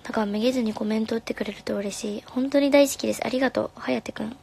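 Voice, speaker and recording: A young woman, a singer, chatting casually on a live stream, reading comments in a soft, friendly way and sometimes whispering. Her voice is slightly hoarse. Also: on the high side, rapid-fire. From Japan. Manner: soft and friendly, drops to whispers now and then. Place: home room. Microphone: phone.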